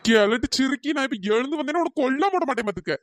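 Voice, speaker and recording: A woman's voice: high voice, animated, racing, no echo. A woman voicing a tall, bickering cartoon husband who blusters and complains after being beaten. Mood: aggrieved. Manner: blustering, threatening, self-pitying.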